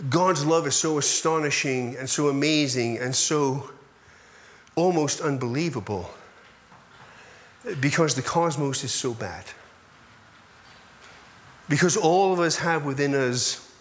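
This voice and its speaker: A man preaching a sermon. He repeats phrases for stress and lets his voice drop low at the ends of lines. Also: a bit bright. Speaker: pastor.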